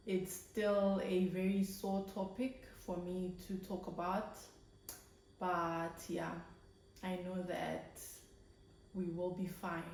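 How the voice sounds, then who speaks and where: This thirty-something South African YouTuber, whose first language is Swati, gives a breezy, happy introduction to her channel, taking her time and laughing a lot. Her voice sits on the low side and is a little mellow. Recording quality is poor, roomy, with slight hiss or hum.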